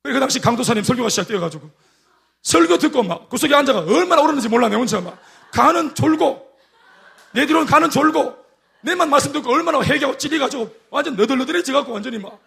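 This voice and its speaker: A male pastor with a Gyeongsang accent preaching a sermon, telling animated stories and acting out the quotes. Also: very high-pitched, quick pace, vocal fry. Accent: Gyeongsang dialect. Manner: animated storytelling with acted-out quotes.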